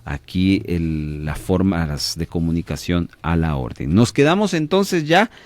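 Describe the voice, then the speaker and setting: A man's voice: sits low, sing-song, measured pace, darkish tone, no room sound. A man hosting a radio Bible teaching program with a Latin American Spanish accent, preaching emphatically and putting questions to his listeners. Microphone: studio microphone.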